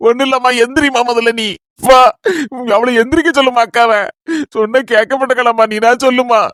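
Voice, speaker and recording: A patient older brother, played by a man in a homemade family drama, soothing and pleading with his sister again and again. His voice is unusually high for a man, and the sound is dry and close. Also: steady tone, a little fast, a bit bright, clear, resonant tone, dry recording. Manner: pleading, soothing, repeating endearments.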